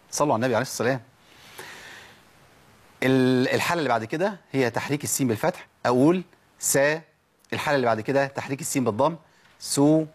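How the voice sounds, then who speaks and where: A man's voice: medium pitch, slightly rough. A man with an Egyptian accent teaching a tajweed lesson, asking rhetorical questions and drilling letter sounds aloud. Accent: Egyptian Arabic. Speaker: Quran recitation teacher.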